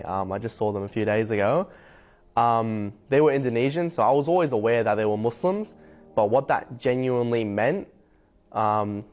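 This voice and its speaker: A young man from Hong Kong telling his personal story to camera, reflective and unhurried, with frequent ums. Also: fairly low pitch, darkish tone. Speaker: convert sharing his story. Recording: faint music bed behind voice.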